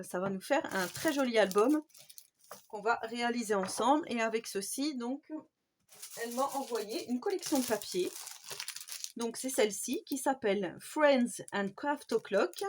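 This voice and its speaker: A woman with a French accent hosting a casual craft vlog, chatty and enthusiastic, with many fillers. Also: on the high side. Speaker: scrapbooking channel host.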